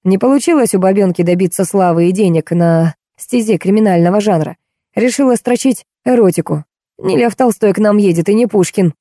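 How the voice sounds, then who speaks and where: A grumbling, scornful man who has had a glass too many, picking at everything in a raised, sour voice, as a woman reads him in an audiobook. The tone is mellow and dark, and the recording is close and dry. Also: medium pitch, fairly quick, no room sound, lightly acted. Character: irritable tipsy middle-aged man, grumbling.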